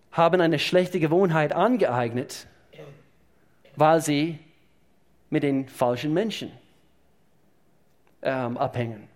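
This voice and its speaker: A man preaching a sermon to his congregation, emphatic and repeating key phrases as he speaks to them directly. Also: a little high. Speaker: pastor. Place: church service.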